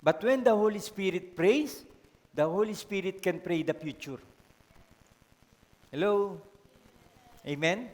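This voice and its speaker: Filipino man preaching, very high voice, long church-hall reverb, calls out to the congregation. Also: takes it slowly, long pauses, a little mellow. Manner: storytelling, code-switching, asks the congregation for responses. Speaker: pastor. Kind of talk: sermon.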